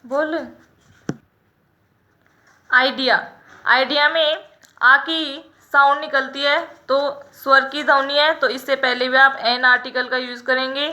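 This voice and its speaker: A woman teaching English grammar in a lesson, explaining each example slowly and repeating the rule. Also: high-pitched, fairly even intonation, pushed and bright. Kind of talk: classroom-style grammar lesson.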